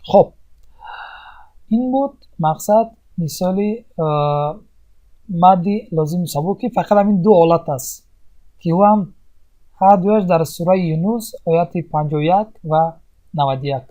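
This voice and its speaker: A recitation teacher giving a tajweed lesson, explaining step by step with pauses and asking and answering their own questions. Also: mid-range voice, dark tone.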